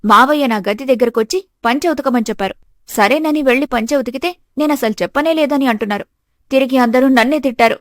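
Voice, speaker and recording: A woman's voice: high-pitched, quick pace, dry recording, studio quality, lightly acted. Woman voicing a meek young daughter-in-law. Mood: hurt. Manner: earnest, pleading. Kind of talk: animated storybook voice acting.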